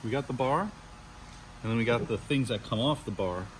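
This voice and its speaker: A man's voice: medium pitch, expressive, a little fast, distant mic, a little hiss or hum, rough recording. A man casually explaining his car work, dry and laid-back, a little out of breath. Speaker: car hobbyist. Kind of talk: casual chat while working on a car.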